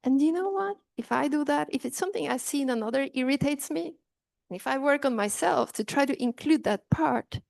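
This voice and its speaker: A woman's voice: high-pitched, animated, a little fast, gravelly, a little mellow, no room sound. A middle-aged woman from Norway with a Norwegian accent, giving an earnest talk and often restarting her sentences. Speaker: speaker on inclusion. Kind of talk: talk to an audience.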